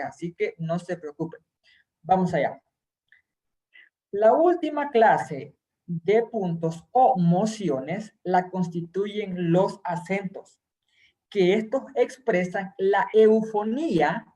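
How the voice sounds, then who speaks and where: A man's voice: sits high, darkish tone. A man teaching a recorded Hebrew grammar class, explaining terms patiently and reassuring his students.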